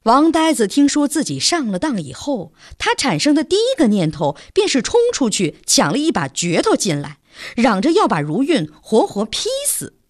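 Lively woman storyteller. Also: fairly high pitch, moderate pace, no echo, studio quality. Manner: lively, expressive reading. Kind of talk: expressive storybook narration.

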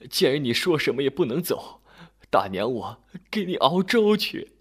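A fussing elderly wife from a spoken storybook, as a male narrator puts her on. Her pitch jumps up and down with animated swings as she chides and frets. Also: normal speed, husky. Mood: tearful. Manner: scolding, pitch raised high. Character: worried elderly village wife.

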